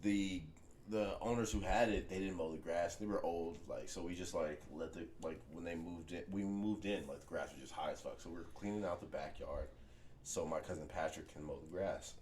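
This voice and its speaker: A man's voice: low voice, fairly quick, darkish tone, a little hiss or hum. A man hosting a podcast, telling a story in a loose, profane way and laughing often. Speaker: podcast host.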